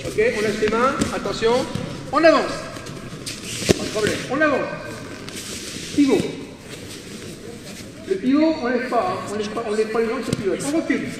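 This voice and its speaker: A man teaching an aikido class in a gymnasium, calling out drill commands, often shouting. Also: very high voice, expressive, moderate pace, pauses often. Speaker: aikido instructor. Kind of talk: teaching a group class on the mat. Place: large gymnasium. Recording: echoey gym from far off, with noise.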